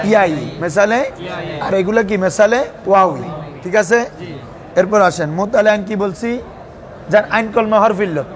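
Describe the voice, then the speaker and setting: A man teaching a class, his voice sitting noticeably high. He keeps asking his students questions and waiting for their answers. A crowd of students can be heard clearly around him in the room. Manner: quizzes students with a recurring "what is it?" tag. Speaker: madrasa teacher. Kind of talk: classroom lesson with call-and-response questions.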